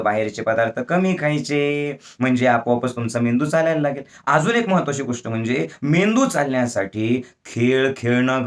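Male motivational speaker, emphatic, swings up to near-shouts for stress, recites verse slowly. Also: medium pitch. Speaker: spiritual wellness speaker. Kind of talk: motivational talk.

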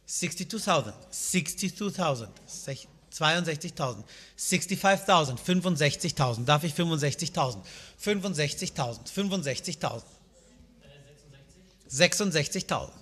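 Standing at the rostrum of an indoor auction saleroom, a man in his thirties calls out and repeats bid amounts, switching between German and English. His voice is on the high side, a bit bright and husky, with reverberant hall sound around it.

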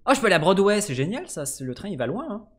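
A man giving casual let's-play commentary, swearing freely and swinging between low mutters and sudden excited shouts. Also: very fast. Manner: swears casually, jokey asides. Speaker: gaming streamer.

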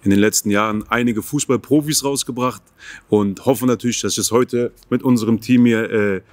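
A man's voice: mid-range voice, steady tone, fairly quick, no room sound. A man who runs a football school introducing himself matter-of-factly on a jury panel. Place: large indoor football hall. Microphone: handheld mic.

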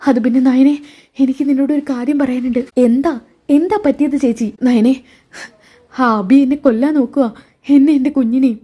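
A woman voicing a frightened young wife who has just discovered her husband's betrayal, talking in high, alarmed bursts. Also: a little fast, dark tone, lightly acted. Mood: distressed.

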